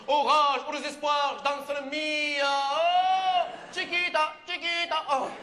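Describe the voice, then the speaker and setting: A man playing a melodramatic, high-voiced playwright. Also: fairly even intonation, slow, sharp tone, heavily acted. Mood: indignant. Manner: melodramatic wailing outbursts. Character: pompous touchy male playwright Corneille. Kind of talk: stage comedy sketch. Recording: live stage with audience noise. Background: audience laughter.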